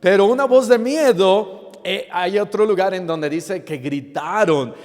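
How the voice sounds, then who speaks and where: A man pastor preaches from the pulpit with a high voice and an unhurried pace. He teases his congregation with playful question-and-answer lists, stumbling over fillers. His voice rings with the long reverb of a church sanctuary. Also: darkish tone. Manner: frequent fillers and restarts. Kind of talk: sermon.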